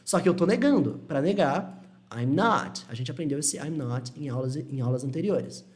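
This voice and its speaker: In a Portuguese-language English lesson, a patient man with a slightly high, animated voice explains things step by step. He checks in with "tudo bem?" and models English words slowly, repeating them.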